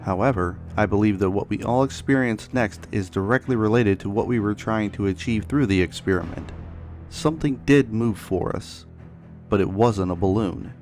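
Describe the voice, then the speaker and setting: Guy with a lowish voice doing scripted ghost hunt narration, bit of music behind. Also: moderate pace, a little mellow. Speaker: paranormal investigator narrating. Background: background music.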